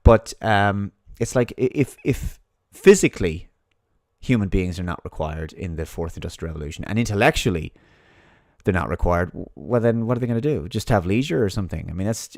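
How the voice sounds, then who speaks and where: A man's voice: lowish voice, lively intonation, fairly quick, darkish tone, no room sound, studio quality. A man giving a monologue commentary, reading out an article and mocking his opponents in sarcastic put-on voices.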